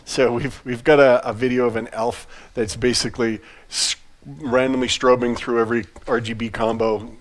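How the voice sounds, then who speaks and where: A man talking in an easygoing, mid-pitched voice on a casual game-studio livestream. He rambles comfortably through updates, stumbling and restarting, and slips in dry teasing jokes along the way. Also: normal speed. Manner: relaxed, chatty, frequent restarts and fillers.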